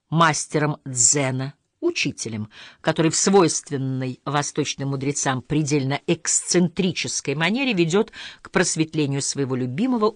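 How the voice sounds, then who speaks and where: A woman narrating an audiobook of literary essays in a measured, expressive reading. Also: on the low side, dry recording, studio quality.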